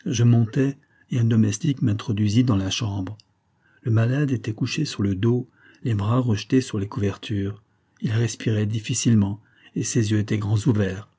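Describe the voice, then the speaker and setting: A man narrating a serialized detective story as an audiobook, in a measured, even way. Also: lowish voice, breathy edge. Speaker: audiobook reader. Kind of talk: literary narration.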